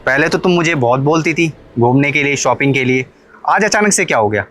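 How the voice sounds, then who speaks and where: A man's voice: a little high, animated, a little fast, a bit bright, a little hiss or hum. A man voicing a suspicious young husband in a cartoon story, pleading and questioning, then accusing, with faint music behind him. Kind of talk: Hindi cartoon story dubbing.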